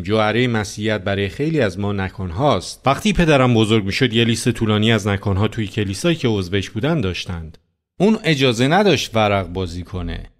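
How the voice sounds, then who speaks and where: A man preaching a sermon as a pastor, talking conversationally and putting many rhetorical questions to his listeners. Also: lowish voice.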